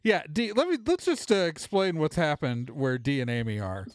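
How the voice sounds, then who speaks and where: A man's voice: on the high side, lively intonation, normal speed. A man narrating as the game master of a tabletop game, rambling loosely with many restarts.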